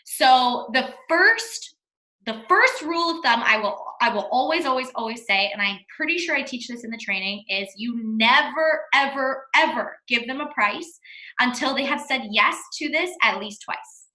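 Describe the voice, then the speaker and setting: Sounding like a fitness coach prepping her sales team, this woman speaks at a moderate pace in a bright, slightly high, expressive voice. Her casual pep talk is blunt and emphatic, with repeated words for emphasis, recorded in an echoey room.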